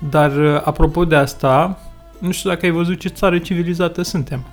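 Man, somewhat high voice, casual chat, dry witty asides, faint music behind. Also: steady tone.

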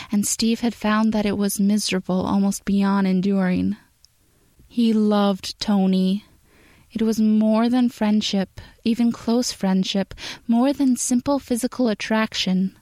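A woman reading a story aloud in steady, measured scripted narration. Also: medium pitch, no echo. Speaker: podfic reader.

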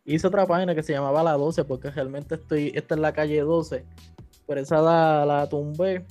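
Slangy Puerto Rican man with a dark voice. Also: on the high side, steady tone, moderate pace, soft background music. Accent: Puerto Rican Spanish. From Puerto Rico. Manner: slangy, mixes English words in, acts out quotes. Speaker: podcast guest, platform founder. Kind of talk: casual interview chat.

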